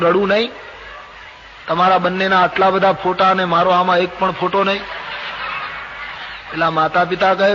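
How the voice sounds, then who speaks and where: An older man with a Gujarati accent, telling a devotional scripture story and acting out the characters' lines with expression. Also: sits high. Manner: expressive, acts out dialogue of gods and characters. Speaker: storyteller preacher. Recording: dull lo-fi old recording with faint hiss.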